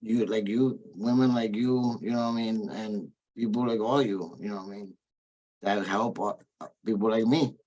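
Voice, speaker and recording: A man with a somewhat low voice gives a sincere, emotional personal testimony as a former treatment client. His speech rambles and halts, full of restarts and "you know what I mean" asides. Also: steady tone, moderate pace, a little mellow, lo-fi sound.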